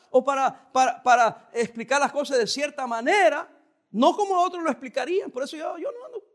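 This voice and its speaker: A male pastor preaching a sermon in a calm, conversational way, with occasional emphatic rises. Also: very high voice.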